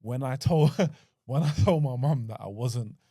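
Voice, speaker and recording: A man's voice: medium pitch, a little slow, warm tone, slightly rough, no echo, clean studio sound. A middle-aged man co-hosting a podcast, chatting casually in an encouraging, reflective way. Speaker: podcast co-host.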